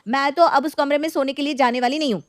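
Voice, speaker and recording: A woman playing a stubborn shrill daughter-in-law. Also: fairly even intonation, fast, no room sound, clean studio sound, lightly acted. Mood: indignant. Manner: indignant, shrill complaining.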